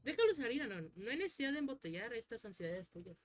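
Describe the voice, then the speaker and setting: A woman reading a visual novel aloud and putting on a big, motherly dinosaur lady with a Mexican accent, scolding yet caring in a game-reading voice. Her pitch jumps up now and then, and her lines come out a bit loud. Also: sing-song, fast, faint music behind. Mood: coaxing. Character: large motherly female dinosaur woman, blunt.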